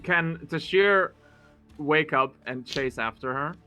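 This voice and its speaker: Slow-talking man, bright voice. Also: on the high side, clear, resonant tone, soft background music. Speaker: player. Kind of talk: casual tabletop game play.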